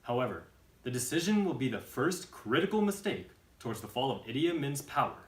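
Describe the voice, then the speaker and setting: A man's voice: medium pitch, very animated, a little fast, heavy background noise. Male documentary narrator, formal scripted read, recorded in an echoing room.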